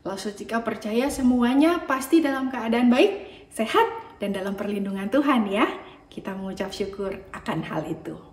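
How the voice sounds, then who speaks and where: A woman preacher giving a children's sermon, gentle and coaxing as she talks to the kids. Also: fairly high pitch, normal speed. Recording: roomy echo.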